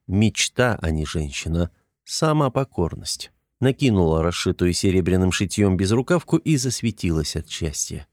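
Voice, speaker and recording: A man narrating an audiobook in an even, measured reading. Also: deep voice, no room sound, clean studio sound. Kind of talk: scripted narration.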